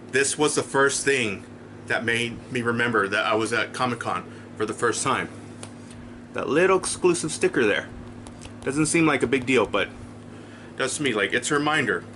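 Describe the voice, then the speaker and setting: A man's voice: medium pitch, sharp tone, a little hiss or hum. A man casually telling a personal story in his vlog, holding up items for the camera. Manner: chatty, rambling, shows items to camera. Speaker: vlogger.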